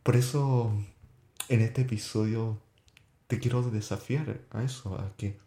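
A man telling a personal faith testimony on his podcast, earnest and halting, with frequent restarts. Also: medium pitch, fairly even intonation, dark tone, echoey room. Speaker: podcast host.

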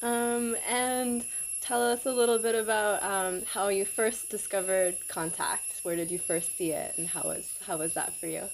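A woman's voice: mid-range voice, steady tone, moderate pace, slight background noise, rough recording. A woman hosting an interview outdoors in a forest, asking friendly, short questions. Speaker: interviewer, host. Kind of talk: casual interview.

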